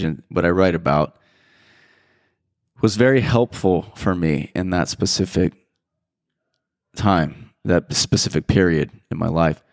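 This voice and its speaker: A man's voice: low-pitched, dry recording, studio quality. A man hosting a podcast, talking in a casual, reflective monologue that rambles thoughtfully, with frequent restarts and fillers. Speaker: podcast host.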